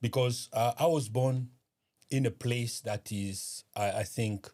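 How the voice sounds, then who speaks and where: A man from eastern Congo, speaking as a guest in an interview, measured and hesitant with many pauses and fillers. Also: mid-range voice, fairly even intonation, warm tone. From Eastern Democratic Republic of Congo. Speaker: guest, community organization founder. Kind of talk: interview conversation.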